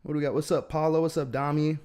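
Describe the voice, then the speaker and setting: This young trading livestreamer has a fairly high, clear voice that is mellow and resonant, delivered flatly and quickly. He chats casually, greets viewers by name, and thinks aloud with plenty of fillers, his speech a bit off because of the teeth whitening strips he has in.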